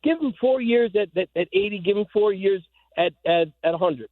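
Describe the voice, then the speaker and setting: Casting: male radio caller, high voice, insistent and stumbling, heard through a tinny car phone line. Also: expressive, fairly quick, dry recording. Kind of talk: call-in on sports radio.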